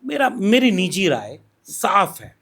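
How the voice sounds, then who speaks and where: Man, high-pitched, podcast guest, measured, explanatory, makes numbered points. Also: sing-song, a bit bright, husky. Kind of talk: political discussion.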